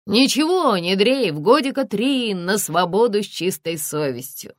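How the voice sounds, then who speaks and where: A woman's voice: mid-range voice, expressive, measured pace, dry recording, pitched above the performer's own voice, close to an everyday voice. Woman reading jokey sly cop colonel, folksy teasing, swingy voice, dry close sound. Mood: jovial mocking. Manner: mocking, folksy banter. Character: jovial sly male police lieutenant colonel.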